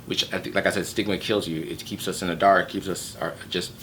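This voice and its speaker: Guy talking in a casual interview, low voice but bright and bouncy, faint rumble behind. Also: brisk. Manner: animated, playful, jumps into high exclamations. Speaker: guest from an HIV advocacy group.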